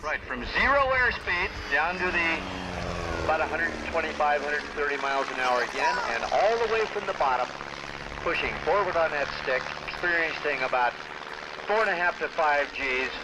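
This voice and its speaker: A man's voice: on the high side, expressive, moderate pace. A man giving live airshow commentary, describing each maneuver in technical detail as it unfolds. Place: outdoor airshow. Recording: noisy outdoor PA with aircraft engines. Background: propeller aircraft engine noise.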